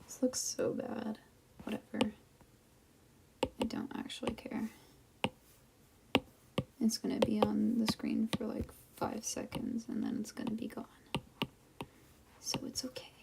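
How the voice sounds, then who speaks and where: Whispering young woman, slow and gravelly. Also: on the high side, flat delivery, rough recording. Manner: soft whispering, offhand and unbothered. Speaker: vlogger. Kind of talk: late-night whispered drawing chat. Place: a quiet house at night.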